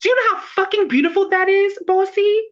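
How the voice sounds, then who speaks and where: A woman's voice: very high-pitched, fairly even intonation, a little fast, highs cut off. A woman music artist being interviewed over a video call, talking bluntly and emphatically, swearing freely and restarting her words. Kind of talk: candid, emphatic interview talk.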